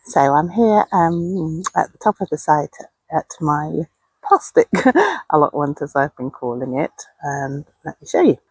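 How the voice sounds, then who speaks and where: A woman speaks in a low, somewhat husky voice. She chats informally to her viewers in a gardening video diary, recorded outdoors with a dry, echo-free sound. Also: unhurried, a little mellow. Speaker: allotment gardening vlogger. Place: outdoors on an allotment.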